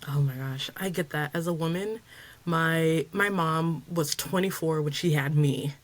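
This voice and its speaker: A woman's voice: low voice, unhurried. Enthusiastic woman podcast host. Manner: enthusiastic, asks questions. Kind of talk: casual podcast chat.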